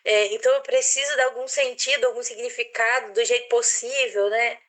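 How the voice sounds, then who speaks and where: Brazilian woman, a little high-pitched, casual talk, halting and self-correcting. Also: fairly even intonation, fairly bright tone. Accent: Brazilian Portuguese. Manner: hesitant, searching for words, many restarts. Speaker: participant in a psychoanalysis online discussion. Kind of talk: casual reflective discussion.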